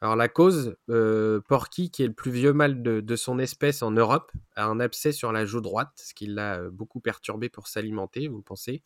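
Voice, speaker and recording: A man presenting a zoo news roundup on a podcast, often pausing with fillers and correcting himself. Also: fairly low pitch, dry recording, clean studio sound. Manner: frequent hesitations and self-corrections.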